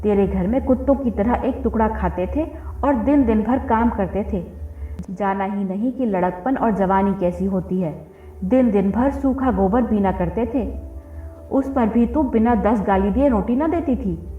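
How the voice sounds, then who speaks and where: A woman voicing a resentful, hot-headed young village man who hurls loud insults. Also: medium pitch, unhurried, close to an everyday voice. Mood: resentful shouting. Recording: phone-like roomy audio with faint music.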